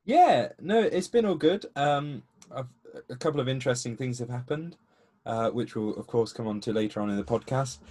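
A man's voice: mid-range voice, moderate pace, mellow, no echo. A man co-hosting a podcast, chatting casually and hesitantly with many fillers over a remote call. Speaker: podcast co-host. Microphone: remote call mic.

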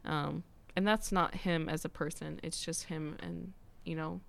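Young woman, slightly low voice, rambling casual student chat. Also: fairly even intonation, a little slow, creaky, fairly bright tone. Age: young adult. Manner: rambling, many "like" fillers. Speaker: student discussing politics.

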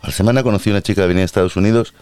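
A man's voice: on the low side, fairly even intonation, racing, a little mellow, clean tone, no echo, faint music behind. A man hosting a crude, rambling comic monologue full of self-mockery. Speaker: host.

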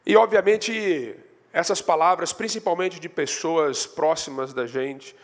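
A Brazilian man preaching a sermon as a pastor, in storytelling style, his voice rising in pitch and force on the points he stresses. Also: measured pace. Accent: Brazilian Portuguese. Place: church sanctuary. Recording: long hall reverb.

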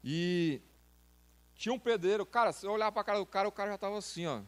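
Brazilian man preaching with slang, high voice. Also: quick pace. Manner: informal, slangy, direct address to listeners. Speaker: youth preacher. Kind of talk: sermon.

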